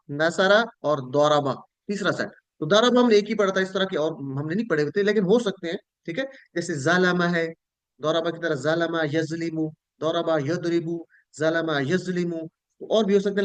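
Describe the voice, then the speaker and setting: Teacher, male, Pakistani Urdu accent, fairly high voice, leads patient call-and-repeat drills over a video call. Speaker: Quran Arabic teacher. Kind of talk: online class teaching Arabic verb forms.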